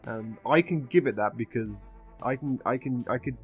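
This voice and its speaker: A man's voice: medium pitch, moderate pace, slightly rough, faint music behind. A man giving a casual film review in a drunken, rambling way, swearing often as he talks. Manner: frequent swearing.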